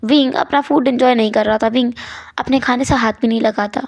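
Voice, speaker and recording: Gravelly woman retelling a story casually. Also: on the high side, steady tone, fairly quick, a little mellow. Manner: chatty, mixes in English words.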